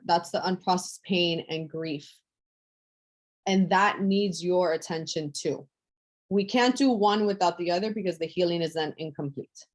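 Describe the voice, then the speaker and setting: A woman leading a group coaching call, speaking softly and affectionately and lingering over repeated words. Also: fairly low pitch. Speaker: women's empowerment coach.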